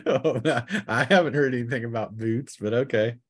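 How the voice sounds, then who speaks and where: A man acts as game master for a tabletop roleplaying game, improvising descriptions with halting pauses. His voice is medium in pitch with a breathy edge.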